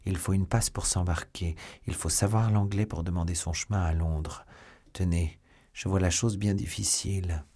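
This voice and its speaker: A man reading an audiobook, voicing a grave, sober older musketeer in a measured tone. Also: low voice, steady tone, dark tone, husky.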